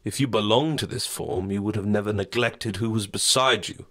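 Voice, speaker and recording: A man's voice: on the low side, normal speed, fairly bright tone. A man voicing a mocking, formless shadow entity. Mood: taunting. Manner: taunting, smooth and condescending. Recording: long reverb.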